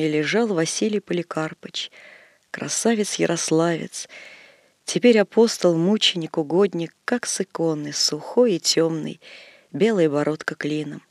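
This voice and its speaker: A man narrating literary prose in slow, emotional, halting phrases. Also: a little high, no echo, clean studio sound. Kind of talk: literary audiobook reading.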